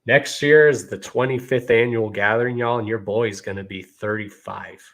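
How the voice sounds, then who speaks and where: A podcast host in his thirties chats to viewers in a laid-back, casual way, peppering his talk with "you know" and "y'all." His lowish, slightly bright voice holds a steady tone at a normal speed.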